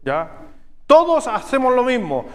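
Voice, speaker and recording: A man with a Chilean accent preaching a sermon as pastor, teaching step by step and checking in with his listeners through quick questions. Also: extremely high pitch, wildly swooping pitch, a bit bright, in a large hall. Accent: Chilean Spanish. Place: church sanctuary.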